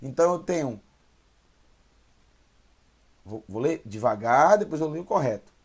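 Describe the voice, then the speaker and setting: A man teaching a Hebrew reading lesson, patiently sounding out syllables and repeating words slowly. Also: medium pitch, lively intonation, slightly rough. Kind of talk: online language lesson.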